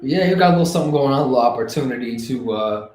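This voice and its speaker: A young man with a Boston accent chats casually as a podcast co-host. He talks in a relaxed way, with plenty of ums and uhs. His voice carries a noticeable room echo. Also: mid-range voice, racing. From Boston area. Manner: laid-back, lots of fillers. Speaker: podcast co-host and hip hop producer.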